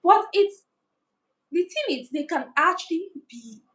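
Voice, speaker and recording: Woman host, high voice, casual live-stream commentary, animated and conversational. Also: a little slow, poor audio. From Africa. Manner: animated, talks to live viewers, many restarts and asides.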